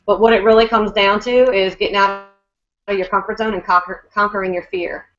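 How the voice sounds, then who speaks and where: A woman's voice: mid-range voice, steady tone, fairly quick, a bit bright, muffled recording, soft background music. Upbeat chatty woman coaching. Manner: upbeat and chatty, many fillers. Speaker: network marketing team leader. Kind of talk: casual coaching talk.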